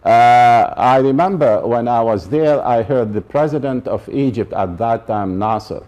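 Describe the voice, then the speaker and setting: A slightly mellow, medium-pitched man from Iraq delivers a professor's public lecture at a measured pace, emphasizing and repeating important points and checking the audience's understanding.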